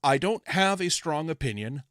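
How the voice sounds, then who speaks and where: A man hosting a casual livestream, teaching software in a rambling, chatty way with lots of fillers. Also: fairly high pitch, animated, moderate pace, no room sound, studio quality. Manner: rambling, self-correcting, chatty with frequent fillers. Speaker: livestream host teaching electronics design software.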